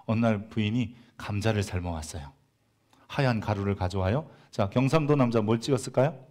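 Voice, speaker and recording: A man preaching a church sermon. He moves between loud, emphatic passages and quiet, hushed asides, and mixes in humorous everyday stories. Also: on the low side, fairly quick. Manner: tells humorous everyday anecdotes. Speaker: pastor.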